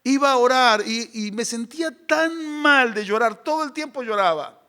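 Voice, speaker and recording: A middle-aged man, preaching a sermon and acting out crying and shouting. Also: very high-pitched, moderate pace, clean tone. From Argentina. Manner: animated, acts out crying babies and shouts. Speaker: pastor.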